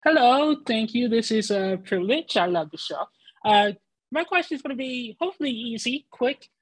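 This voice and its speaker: Husky-voiced woman asking a question. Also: on the high side, expressive, normal speed, rough recording. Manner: nervous, stumbling over words. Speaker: audience caller asking a question.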